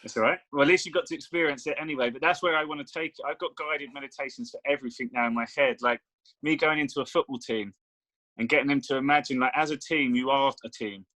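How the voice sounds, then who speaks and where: A man's voice: medium pitch, quick pace, pushed and bright, no room sound, low-quality recording. Man explaining, dry close sound. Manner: explanatory, persuasive. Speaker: meditation coach. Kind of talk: casual chat.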